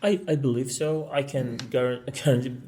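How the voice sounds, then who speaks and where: A man's voice: mid-range voice, steady tone, normal speed, dark tone, slight background noise. A middle-aged man from Morocco, a law school technology teacher, explaining earnestly at length on a podcast panel with frequent fillers.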